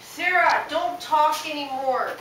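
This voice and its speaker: High-voiced middle-aged woman in echoey room. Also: takes it slowly, distant mic. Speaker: mother. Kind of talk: casual home talk. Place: living room, indoors. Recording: very echoey, noisy home camera recording.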